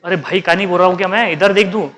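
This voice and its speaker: In a high, steady, slightly bright voice, a male chemistry teacher lectures very fast. He tests the class with questions he then answers himself and scolds whoever isn't paying attention.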